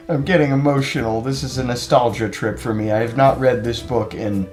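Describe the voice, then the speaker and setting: A man's voice: medium pitch, steady tone, a little fast, darkish tone, soft background music. A teenage young man from California reading a children's book aloud, with dry, self-mocking asides. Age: late teens.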